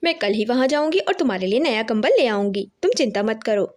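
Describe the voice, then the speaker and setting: A woman's voice: on the high side, expressive, brisk, darkish tone, lightly acted. A woman voicing a caring, firm mother sparrow. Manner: reassuring, firm.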